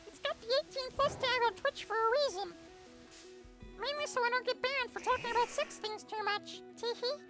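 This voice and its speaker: Chipmunk-high helium voice, chatty, music behind. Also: male voice, normal speed. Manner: chatty, reading out chat, easily squeamish. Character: squeaky helium-voiced version of the streamer. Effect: helium-pitched voice. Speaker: livestreamer. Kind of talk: casual livestream chat.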